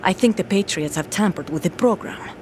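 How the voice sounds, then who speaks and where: A woman voices a tough female soldier working undercover in a video game cutscene, speaking tersely and commandingly with urgency while music plays underneath. Her medium-pitched delivery is brisk and lightly acted, and there is background noise.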